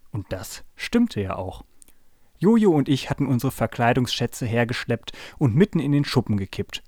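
Man calmly reading a children's story. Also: medium pitch, dry recording, studio quality. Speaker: podcast host.

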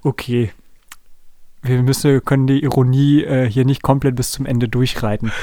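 A man hosting a podcast and reading a children's story aloud in a calm, even way. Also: medium pitch, normal speed, dry recording. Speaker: podcast host and story reader.

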